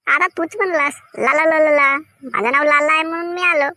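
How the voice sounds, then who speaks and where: A man's voice: very high voice, fairly even intonation, fairly quick, pushed and bright, no echo, clean studio sound, heavily acted. A man voicing a touchy, quarrelsome village man with a Vidarbha Marathi accent. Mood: bickering. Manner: quarrelsome, nagging. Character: pushy touchy village man named Lala.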